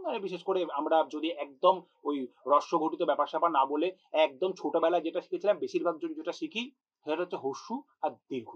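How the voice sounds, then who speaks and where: A man's voice: a little high, a bit bright, highs cut off. A man teaching a spoken grammar lesson, patient and repeating his points, addressing students directly and sounding out words to show pronunciation. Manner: patient, repeats points to drive them home. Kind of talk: spoken exam-prep lesson.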